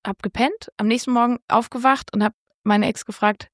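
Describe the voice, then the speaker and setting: Woman, casual storyteller, bright high-ish voice, dry close mic, swears freely, acts out her own quotes. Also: fairly quick, no echo. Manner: lively, casual, swears, quotes herself with raised voice. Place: Switzerland.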